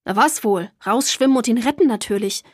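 A woman's voice: on the high side, a little fast, darkish tone, slightly rough, no room sound. Flustered storybook father, defensive, read by a woman; dry booth sound.

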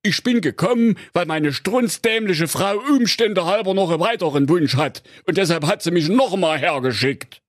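A man's voice: high-pitched, lively intonation, unhurried, no room sound, clean studio sound, voice pushed up. A man voicing a good-natured, henpecked digger driver in a spoofed fairy tale. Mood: placating. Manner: weary, grumbling, placating.

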